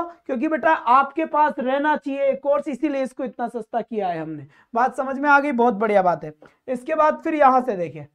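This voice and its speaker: A man teaching English grammar for government exams in Hindi, quizzing his students, calling them "beta" and mixing in course announcements. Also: very high-pitched. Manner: chatty, mixes in course announcements. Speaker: exam-prep teacher. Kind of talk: online exam-coaching lesson.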